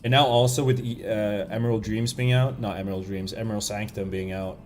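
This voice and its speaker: A man's voice: lowish voice, steady tone, brisk, a little mellow, a little hiss or hum. A young man, streaming a game and chatting casually, rambling and correcting himself, chuckling now and then. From Sweden. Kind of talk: casual live-stream chat while gaming.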